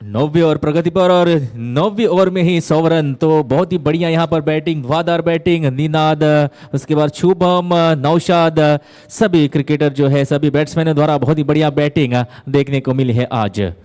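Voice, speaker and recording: A man with a fairly high-pitched voice calls a cricket match ball by ball. He works in measured phrases with pauses between them, lifting his delivery at key moments of play. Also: a little mellow. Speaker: cricket commentator. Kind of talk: live ball-by-ball cricket commentary.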